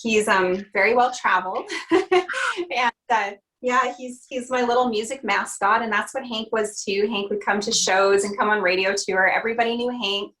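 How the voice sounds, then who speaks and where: A young woman from Canada talks as a guest in a relaxed video-call interview. She is chatty and upbeat, laughing easily between thoughts. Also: a little high, normal speed, low-quality recording. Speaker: country singer, interview guest.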